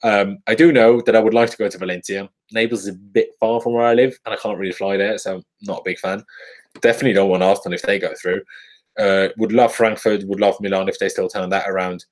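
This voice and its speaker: A football YouTuber in his twenties from Austria, whose Austrian accent carries hints of English and Irish, chats casually in a live-stream Q&A with lots of laughs and ums. His lowish voice stays steady at a quick pace, and the recording is rough.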